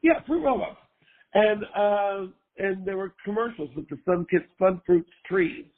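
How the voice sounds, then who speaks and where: An older man, hoarse from a cold, chatting casually as an interview guest and rambling with lots of fillers. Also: high voice, animated, measured pace. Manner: rambling, full of fillers and restarts. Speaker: guest, former costume maker. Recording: tinny phone-line sound.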